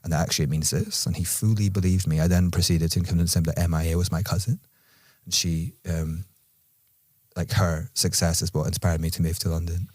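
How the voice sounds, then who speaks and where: A man from Scotland with an Edinburgh Scottish accent, chatting casually on a podcast with dry, teasing humor and measured explanations. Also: deep voice, fairly even intonation, darkish tone, dry recording. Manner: thoughtful, measured when explaining.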